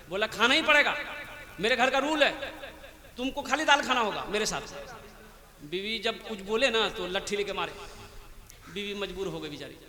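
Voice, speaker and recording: High, bright-voiced man preaching in an echoey hall. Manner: rousing, calls out for donations and prayers; tells a comic folk tale in a lively, animated way. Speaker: Islamic preacher at a religious gathering. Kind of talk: fundraising sermon with storytelling. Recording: echoey hall from a public address system.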